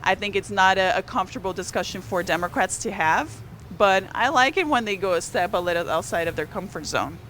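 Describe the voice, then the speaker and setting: Here a woman whose native language is Portuguese, a newspaper columnist, chats about politics during a live stream. Her medium-pitched voice is expressive, fairly bright, and a little quick, and she uses fillers and restarts while building energy on the points that matter. A little hiss or hum sits under the audio.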